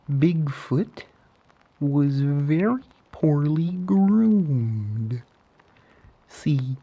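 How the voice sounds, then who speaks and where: A man voicing an earnest, eccentric frog puppet in soft-spoken ASMR storytelling, with theatrical, halting pauses. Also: a little high, full character voice. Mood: hushed, dramatic. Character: Kermit-like male frog puppet, eccentric, earnest Bigfoot believer. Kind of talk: whispery ASMR storytelling and roleplay.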